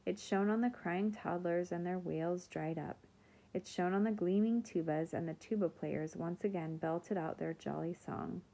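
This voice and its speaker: Low, gravelly woman reading a storybook aloud. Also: moderate pace, poor audio. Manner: calm, expressive narration. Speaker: teacher.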